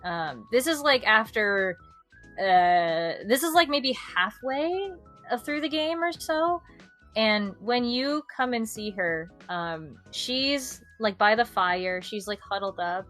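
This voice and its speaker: A woman streamer telling a game's story in a casual chat, animated and full of fillers. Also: on the high side, slow pace, soft background music.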